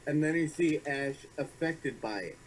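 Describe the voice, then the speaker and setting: A young man co-hosting a film review, chatty and a little halting as he adds his points. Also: on the high side, a little hiss or hum, rough recording. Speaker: reviewer co-host. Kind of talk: casual review chat.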